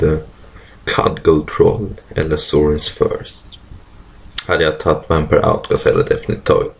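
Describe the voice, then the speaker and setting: Very deep gravelly husky man. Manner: thinking aloud, many fillers, clears throat often. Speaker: card game player commentating a draft. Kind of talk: casual draft commentary.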